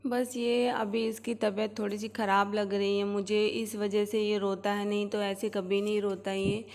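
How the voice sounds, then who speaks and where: Flat-voiced woman explaining her baby's day. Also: medium pitch, normal speed, big-room sound. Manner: calm, explanatory, with soft hesitation fillers. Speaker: mother vlogging her baby's routine. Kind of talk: casual home vlog narration. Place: indoors at home.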